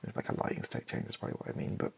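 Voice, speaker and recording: A British ASMR creator thinks aloud while writing, sounding tentative, wry and self-mocking. He speaks at a racing pace, with a bit of hiss or hum in the audio. Keyboard typing and clicks fill the background.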